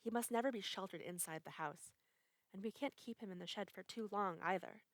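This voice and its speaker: A woman's voice: mid-range voice, a little fast, dry recording, studio quality, natural voice. A woman voicing a young man who speaks ominously, cold and secretive.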